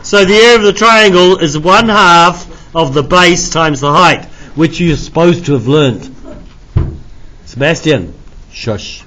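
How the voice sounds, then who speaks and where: A man's voice: a little high, pushed and bright, rough recording. A man teaching a maths class in an informal, jokey, self-deprecating way, with frequent coughs between phrases. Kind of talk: classroom lesson, explaining step by step. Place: classroom with students.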